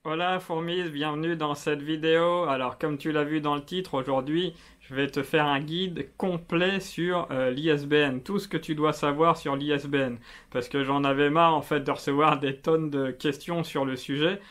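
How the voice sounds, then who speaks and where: Homme bavard au ton familier. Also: male voice, on the high side, fairly even intonation, moderate pace, fairly bright tone. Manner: chatty, familiar, many fillers like euh and bah. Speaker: self-publishing video host. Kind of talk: casual explainer video.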